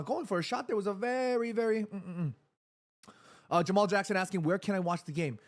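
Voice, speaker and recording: A man in his thirties hosting a live football watchalong stream, chatting casually, reading viewer messages aloud and getting excited during attacking moves. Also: high-pitched. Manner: chatty, reads viewer chat aloud between play calls.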